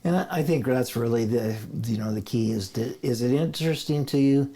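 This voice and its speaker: A middle-aged man from Idaho, United States, is a guest in a casual interview, telling rambling stories, restarting sentences and chuckling often. His mid-range voice is warm and husky, a little fast.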